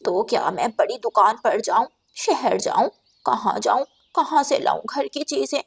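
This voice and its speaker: A woman voicing a stubborn, thrifty old grandmother sparrow in a cartoon, talking softly and grumbling. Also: on the high side, expressive, normal speed, vocal fry, breathy edge, full character voice. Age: older.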